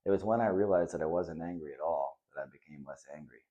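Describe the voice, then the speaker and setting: Gentle storybook dad, soft and reassuring, man reading him with a deep warm voice. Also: fast, lo-fi sound, lightly acted. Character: kind, patient middle-aged father.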